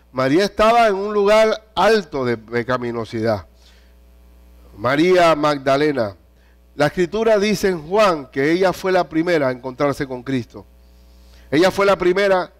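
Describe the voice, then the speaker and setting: A man delivering a sermon in a somewhat high voice. He reads scripture aloud with animated emphasis. He puts pointed questions to his listeners. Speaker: preacher.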